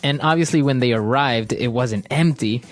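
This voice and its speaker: A man co-hosting an English-learning podcast, talking in a relaxed, agreeable way with frequent fillers. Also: medium pitch, normal speed. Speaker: podcast co-host.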